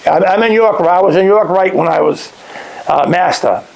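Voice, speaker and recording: An older man, recalling lodge days in a casual interview, halting and restarting often. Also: high-pitched, gravelly, crowd noise, rough recording. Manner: halting, many restarts, chuckles at his own remarks. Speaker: interviewee, past lodge master. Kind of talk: casual oral-history interview.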